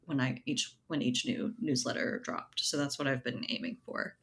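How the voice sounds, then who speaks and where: On a casual podcast, a writer and editor appears as a guest, her rumbling low voice keeping fairly even intonation at a normal pace. She explains things by thinking aloud, dropping in an easy "right?" to check in.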